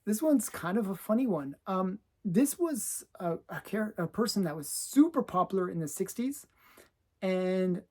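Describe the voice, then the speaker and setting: A woman's voice: medium pitch, lively intonation, a little slow, darkish tone. A woman comic collector chatting casually as she shows her collection, laughing often between remarks. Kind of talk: casual show-and-tell chat.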